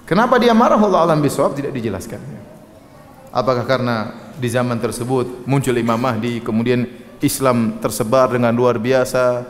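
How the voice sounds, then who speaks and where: Man preaching in an echoing hall. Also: medium pitch. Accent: Indonesian. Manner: recites Arabic hadith slowly, then explains in Indonesian with rising emphasis; frequent checking fillers "ya". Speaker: Islamic preacher. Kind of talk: religious lecture. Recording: echoey hall with faint ambience.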